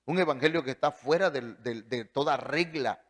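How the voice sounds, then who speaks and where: Emphatic preacher. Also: male voice, normal speed. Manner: emphatic, big swings in pitch and loudness. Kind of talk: sermon.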